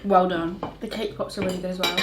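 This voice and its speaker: A woman chatting casually on a baking vlog, reacting in an expressive, animated way. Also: on the low side, fast, roomy sound, crowd noise. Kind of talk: casual chat. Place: home kitchen.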